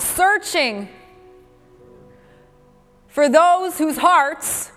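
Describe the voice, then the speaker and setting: High-voiced woman preaching a sermon. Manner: emphatic, repetitive exhortation. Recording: reverberant hall with soft music.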